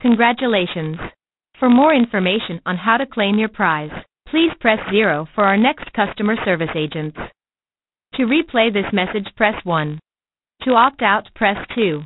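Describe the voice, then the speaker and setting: A woman reading a scripted prize notification as a recorded phone message, formal and measured, slowing down for the numbers. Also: medium pitch, expressive, a little hiss or hum. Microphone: telephone voicemail. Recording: tinny phone line.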